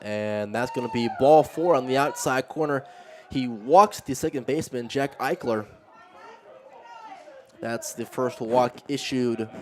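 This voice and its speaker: A male play-by-play announcer with a medium-pitched voice calls a baseball game live. He follows each pitch as it happens in a conversational way. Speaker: play-by-play commentator.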